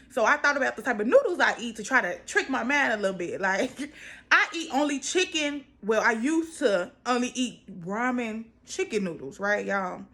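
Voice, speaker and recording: An American vlogger in her twenties talks casually to her viewers about personal matters in a higher, fairly bright voice. She's emphatic, repeating phrases to stress her points.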